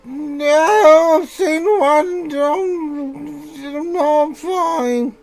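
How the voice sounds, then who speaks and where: A man putting on a high, shrill sick woman's voice. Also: very slow, gravelly, a little mellow, faint music behind, exaggerated voice. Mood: anxious. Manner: high muffled pleading, shooing visitors away. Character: sick contagious woman hiding behind a door.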